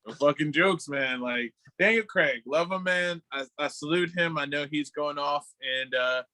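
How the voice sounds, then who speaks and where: A man co-hosting a casual podcast over a video call, telling stories in an animated, slangy way with plenty of swearing. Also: fairly high pitch, moderate pace, no room sound, rough recording. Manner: animated, slangy storyteller who swears freely. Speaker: podcast co-host.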